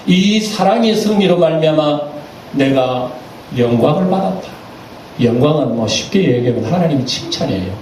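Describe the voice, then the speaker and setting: A male pastor preaching a sermon, animated and acting out voices as he goes. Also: on the high side, moderate pace. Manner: animated, acts out quoted voices. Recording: echoey church hall, distant mic, faint noise.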